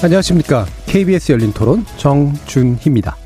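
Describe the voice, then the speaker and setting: A man hosting a public radio debate show, presenting in a formal, measured, scripted way. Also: a little high, lively intonation, over music. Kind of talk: public radio host, scripted introductions and moderation. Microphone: studio broadcast microphone.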